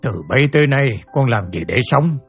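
An actor playing a stern, grieving older father who asks slow, terse questions over faint music. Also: medium pitch, expressive, vocal fry, slightly rough. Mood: grave.

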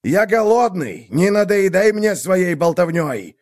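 A man's voice: sits high, very animated, unhurried, a little mellow, pitched above the performer's own voice. A man voicing a hungry, boastful male wolf who growls out threats, read as a storybook tale. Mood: blustering. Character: hungry, blustering male wolf, easily tricked.

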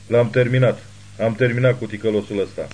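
A man voicing a wounded, defiant gunman who shouts taunts at hidden pursuers in an audiobook. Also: mid-range voice, fairly even intonation, natural voice. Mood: defiant taunting. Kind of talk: audiobook character reading.

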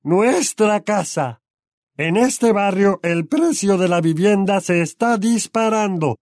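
A man voicing a blustering middle-aged uncle who shouts and drags out his words in an audiobook. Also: sits high, expressive, dry recording, clean studio sound, voice pushed up, full character voice. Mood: bellowing angry. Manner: shouting, drawn-out and overbearing. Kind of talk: audiobook character voice.

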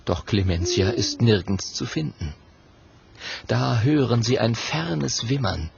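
A man narrating a children's story in an expressive, animated way. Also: mid-range voice, slow, vocal fry, breathy edge. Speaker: audiobook narrator. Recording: dull audio with faint music.

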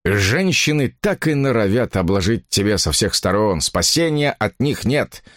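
Male audiobook narrator, lively intonation, dry close sound. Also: lowish voice, dry recording. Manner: expressive, measured storytelling. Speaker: reader.

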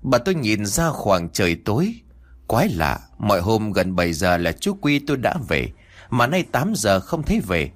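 A man narrating a rural ghost story in an expressive, dramatic storytelling manner. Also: lowish voice, normal speed.

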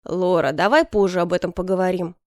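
Brief: stern, cold male emperor, read by a woman narrator, clipped and slightly low, storybook. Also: steady tone, a little fast, no room sound, studio quality, close to an everyday voice. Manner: curt, icy. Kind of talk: audiobook character voice.

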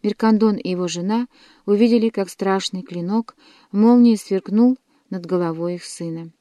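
A woman narrating an audiobook in a measured, dramatic reading style. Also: medium pitch, warm tone, no echo.

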